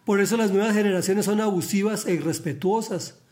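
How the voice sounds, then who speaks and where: A man's voice: sits high, fairly quick, darkish tone. A man reading a Bible story and giving an earnest devotional reflection. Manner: earnest, emphatic, preachy.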